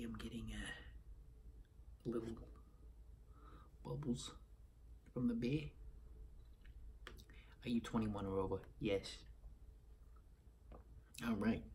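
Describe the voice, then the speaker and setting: Here the same thirtysomething Boston man reviews a beer at home in a casual way, reading some parts aloud. He speaks slowly and steadily at a fairly low, darkish pitch, leaving long pauses, over a faint hiss or hum.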